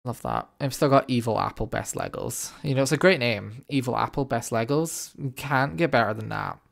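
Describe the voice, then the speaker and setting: Chatty gravelly male game streamer. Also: medium pitch, very animated, normal speed. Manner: chatty, reacting to chat and wrapping up with thanks. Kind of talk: casual live-stream chat with viewers.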